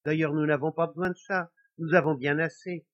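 A man's voice: on the high side, fairly even intonation, fairly quick, voice pushed up, natural voice. A man voicing a meek, cautious poor husband who speaks mildly. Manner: mild, cautious. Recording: dull lo-fi recording.

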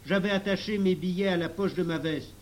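A man's voice: high-pitched, brisk, voice pushed up, lightly acted. A man reading a storybook and voicing an earnest young boy.

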